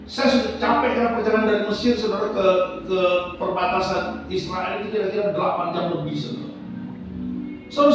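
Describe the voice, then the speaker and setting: A man's voice: high voice, background noise. An older man from Sumatra preaching a sermon, telling personal stories and calling the congregation "saudara" again and again. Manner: addresses the congregation as "saudara" constantly. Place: church hall. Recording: echoey hall from far off with music.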